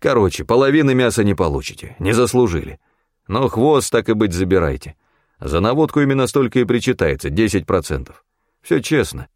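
A man voicing a tough, cynical hunter who snaps and threatens in a gruff, hard way. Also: lowish voice, sing-song, brisk, a little mellow, no echo, studio quality. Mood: harsh, angry.

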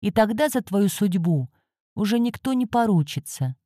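A woman's voice: medium pitch, lively intonation, normal speed, mellow, no room sound, clean studio sound, pitched above the performer's own voice, close to an everyday voice. A woman voicing a grumpy, sarcastic male cat guardian who hisses and scolds. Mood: scolding. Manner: hissing, scolding.

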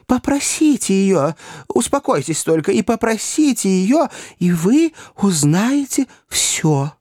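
A man doing a flustered old gentleman, desperate and loud, his voice pushed up high and strained. The reading is lively and full of swings, with a gravelly edge in a dry, close sound. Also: fairly quick, dry recording, full character voice. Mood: desperate pleading. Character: flustered portly elderly English gentleman, pleading.

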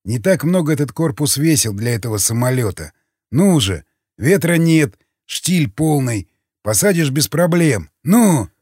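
A man's voice: fairly high pitch, sing-song, a little slow, darkish tone, husky, no room sound, studio quality, exaggerated voice. Male narrator voicing a stern, matter-of-fact man in an audiobook. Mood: stern urging. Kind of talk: audiobook character voice.

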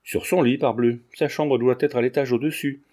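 A brave young gentleman gives orders in a firm, brusque way, read by a male narrator. The voice is mellow and mid-pitched. He sounds steady and in charge. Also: moderate pace, natural voice. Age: young adult. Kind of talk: audiobook character reading.

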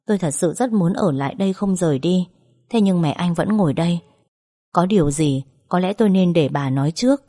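Mellow low-voiced woman narrating. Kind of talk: first-person story narration.

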